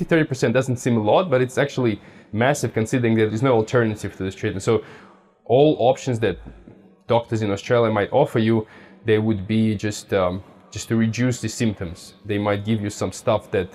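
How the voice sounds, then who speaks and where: A young man from Russia, answering interview questions about his treatment casually and haltingly, often restarting as he searches for words. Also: on the low side, a little mellow. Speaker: patient interviewee.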